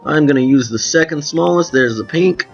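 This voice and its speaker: A man's voice: a little high, moderate pace, vocal fry, dull audio, faint music behind. Chatty man rambling over a drawing game. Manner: rambling, self-correcting, chatty asides to viewers. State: voice cracking. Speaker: let's play host. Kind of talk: casual gameplay commentary.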